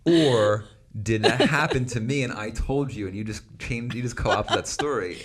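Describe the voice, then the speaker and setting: A man's voice: mid-range voice, normal speed. A man in his thirties co-hosting a podcast, telling stories in casual chat and acting out quoted voices with frequent laughs. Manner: animated, laughs often, acts out quoted voices. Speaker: podcast co-host.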